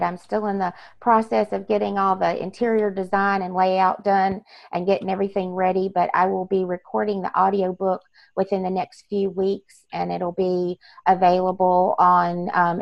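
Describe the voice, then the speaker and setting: A woman's voice: on the low side, gravelly, no echo, muffled recording. A woman author being interviewed, talking earnestly in long run-on lists. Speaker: author guest. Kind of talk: casual interview talk.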